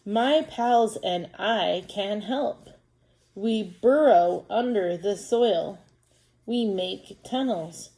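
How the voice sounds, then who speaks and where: A woman reading the lines of a small, cheerful male earthworm from a storybook, slowly and deliberately. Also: mid-range voice, warm tone, poor audio. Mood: friendly. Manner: slow, deliberate read-aloud.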